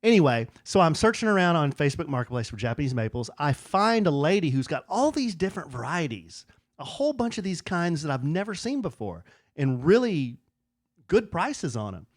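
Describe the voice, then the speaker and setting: A middle-aged man co-hosting a podcast spins a casual yarn a little fast, his somewhat high voice jumping around as he animatedly acts out what people said. He sits close to the mic in a dry, dead room with no echo.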